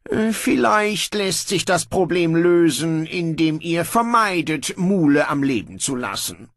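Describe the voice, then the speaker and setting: A man voicing a weary, ruthless young king who talks in gruff, dry sarcasm. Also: a little high, animated, unhurried, a bit bright, no room sound, pitched above the performer's own voice. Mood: sardonic.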